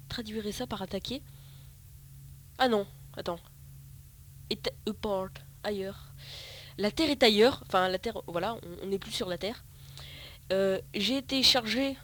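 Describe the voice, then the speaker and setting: A man with a high-sitting voice hosts a let's play, giving casual, rambling gameplay commentary. He often corrects himself and swears casually, with slight background noise.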